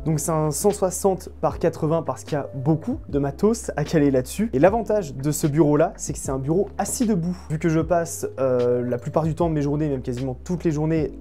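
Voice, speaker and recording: A woman's voice: low voice, dark tone. A woman in her late twenties, a streamer, giving a casual, chatty and self-mocking tour of her studio. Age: late 20s. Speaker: streamer and video creator. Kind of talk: casual setup tour vlog.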